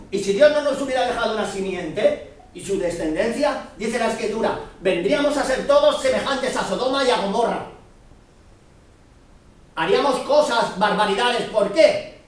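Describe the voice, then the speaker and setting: A man, teaching the Bible to a gathered congregation. His voice sits high for a man, and he keeps stopping to check that everyone follows. He is picked up from a distance in a very echoey room. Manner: earnest teaching, checks the listeners often understand.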